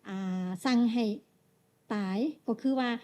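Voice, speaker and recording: A woman's voice: fairly high pitch, a little slow, a little mellow. A woman interpreting a medical lecture, speaking hesitantly and adding frequent tag particles.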